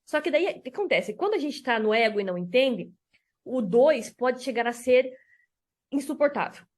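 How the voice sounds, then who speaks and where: A woman with a high voice gives a casual teaching talk as a therapist. She tells personal stories and voices both sides of conversations in an animated way. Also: normal speed. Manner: animated storytelling, acts out dialogue. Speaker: enneagram therapist. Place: lives in Spain.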